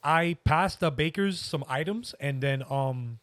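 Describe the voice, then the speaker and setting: A man's voice: fairly high pitch, a little slow, fairly bright tone, dry recording. A young man in his early twenties, a podcast guest, talking in an easygoing, rambling way with many hesitations. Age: young adult. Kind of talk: casual interview.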